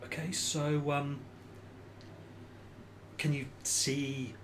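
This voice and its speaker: A man playing a tabletop game, talking casually and haltingly as he thinks aloud. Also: on the high side, little pitch movement. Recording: clear background noise.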